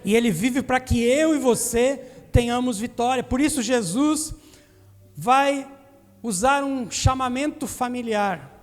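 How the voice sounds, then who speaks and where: A man's voice: extremely high pitch, a little slow. A man from southern Brazil preaching a sermon to a congregation, earnest and questioning, in a church sanctuary. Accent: Brazilian Portuguese, southern Brazil. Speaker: pastor. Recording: long hall reverb in a church.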